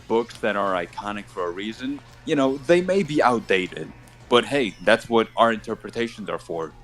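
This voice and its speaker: Rambling through a casual gaming chat, this tournament host leans heavily on "you know." His voice is fairly low, and as a native Spanish speaker his accent blends Colombian Spanish with Brooklyn.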